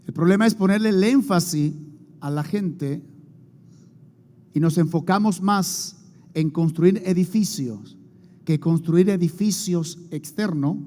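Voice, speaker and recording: Before a congregation in a church hall, a pastor preaches emphatically in an unhurried, darkish voice on the high side, calling on the people to repeat after him and answer. Long hall reverb surrounds him, with faint music behind.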